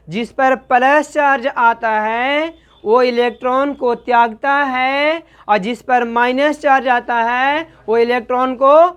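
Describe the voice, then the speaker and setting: A woman's voice: sits high, a bit bright, muffled recording. Hindi-speaking woman teaching chemistry class. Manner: asks questions and answers them herself, repeating key words. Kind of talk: online class lesson.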